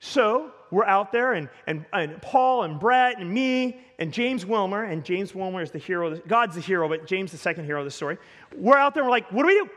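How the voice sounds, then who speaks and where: Pastor, male, high voice, animated storyteller who trips over his words, long church-hall reverb. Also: a little fast. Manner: animated, stumbling restarts and repeated words. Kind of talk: storytelling sermon.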